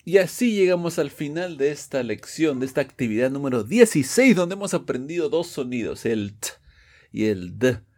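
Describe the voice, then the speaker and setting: A man's voice: fairly high pitch, big pitch swings, moderate pace, darkish tone. A man teaching English pronunciation in a podcast lesson, explaining step by step and often checking with "ok?".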